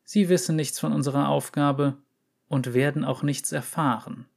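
A man reading an audiobook story, voicing a calm, unsettling female runesmith who speaks with measured authority. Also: on the high side, vocal fry. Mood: calm, authoritative.

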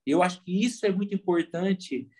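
A fairly high-pitched man talks in a relaxed, earnest way on a podcast. He is a pastor explaining his ideas with vivid everyday examples, speaking with a Brazilian Portuguese accent. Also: moderate pace. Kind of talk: casual podcast conversation.

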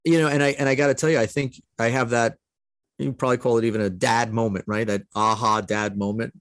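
A man's voice: medium pitch, steady tone, fast talker, a bit bright, dry recording, clean studio sound. A middle-aged man sharing a heartfelt personal story as a podcast guest, earnest and emotional, laughing often.

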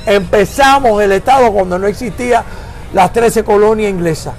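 Older man, high gravelly voice. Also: moderate pace, a faint crowd. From Florida, United States. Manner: emphatic, searching for words, mixing in English. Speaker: interviewee. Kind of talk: conversational interview.

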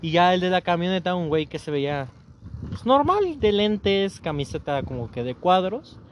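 A man with a high voice and a Mexican Spanish accent, chatting casually on a podcast. He tells stories with animation and acts out the voices of the people in them. Faint noise sits under the recording. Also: sing-song, normal speed. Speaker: podcast co-host. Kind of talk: casual chat.

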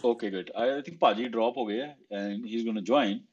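Husky North Indian Punjabi-accented man. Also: medium pitch, fairly quick, a little mellow. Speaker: host of an online audio discussion. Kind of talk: casual political discussion. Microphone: online audio call. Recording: slightly muffled online call audio.

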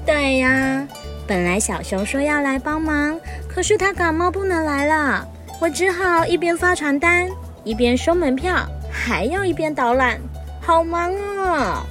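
A woman playing a friendly, expressive big-sister museum guide in a children's audio story. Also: high-pitched, measured pace, faint music behind. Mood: flustered. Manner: chatty, expressive, sentence-final particles.

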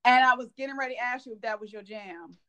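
A woman's voice: on the high side, fast talker, a bit bright, clear, resonant tone, muffled recording. A woman podcaster in casual banter, slangy and affirming, repeating phrases for emphasis. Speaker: podcaster, guest co-host.

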